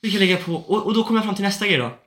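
A man's voice: sits high, expressive, fairly bright tone. A young man chatting casually, telling a story with lots of swearing and acted-out phone calls. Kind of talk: casual chat. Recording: roomy echo.

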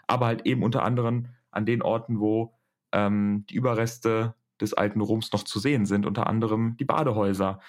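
A young man with a fairly low voice hosts a casual discussion. He explains in a rambling, halting way, often searching for the right word. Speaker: podcast host.

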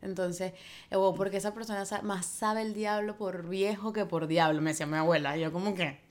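A woman co-hosting a podcast in casual chat, lively and quick to laugh. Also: mid-range voice. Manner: lively, laughs often, quotes people. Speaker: podcast co-host.

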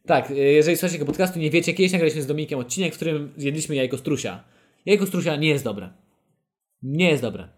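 A man's voice: a little high, fast. A young man hosting a podcast, reading a fan story aloud with playful, mock-dramatic quotes and frequent laughter. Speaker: podcast host.

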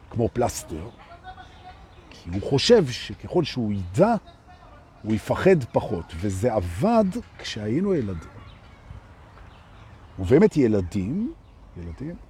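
A man giving a live spiritual talk to an audience, asking rhetorical questions and swinging between loud and soft. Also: medium pitch, slight background noise. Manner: rhetorical, keeps asking "right?". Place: outdoors with street noise.

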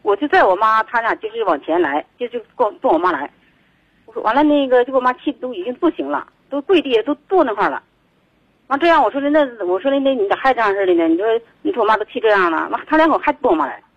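Agitated rambling caller on a muffled line. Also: male voice, extremely high pitch, expressive, fast, creaky, slightly rough, no room sound. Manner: rambling, agitated, repeats himself. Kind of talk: phone call to radio show.

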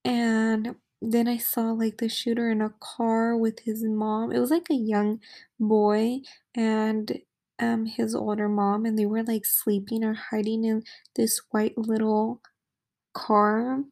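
Slow, creaky-voiced young woman rambling. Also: on the high side, little pitch movement, darkish tone. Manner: rambling, heavy use of "like" and fillers. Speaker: podcast host. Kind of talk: casual storytelling.

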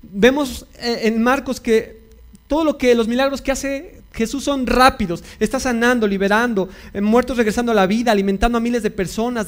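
A male pastor preaching a sermon, repeating key phrases and putting questions to his congregation. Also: sits high.

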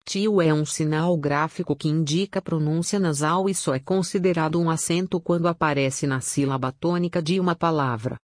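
A narrator reading a scripted grammar lesson in a measured, even way, pausing through lists of examples. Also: medium pitch, dry recording, clean studio sound. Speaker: teacher.

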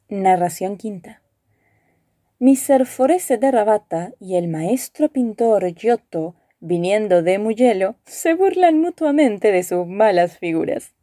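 A woman narrating an audiobook of classic tales in a measured, expressive storytelling manner. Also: mid-range voice, no echo, clean studio sound.

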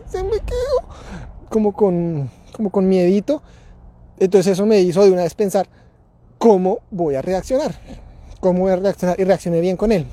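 Outdoors in a neighborhood, a parenting podcast host talks in a casual, reflective way, often repeating himself and restarting his sentences. His voice sits high and sounds warm, with no room sound.

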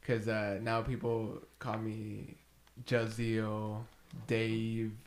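A man chatting casually on a podcast, telling jokes and stories in a deadpan way. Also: on the low side, extremely slow. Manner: joking, deadpan teasing storyteller. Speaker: podcast co-host. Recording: roomy echo, faint noise.

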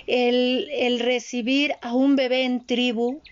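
A woman's voice: on the high side, flat delivery, slow pace, clean tone, lo-fi sound. A woman host and doula, speaking in a confiding, heartfelt way. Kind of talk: casual interview chat.

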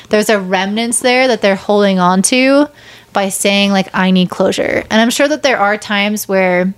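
A woman co-hosting a podcast, talking thoughtfully and hedging with "like" and "I feel like". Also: medium pitch. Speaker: podcast co-host. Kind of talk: casual podcast chat.

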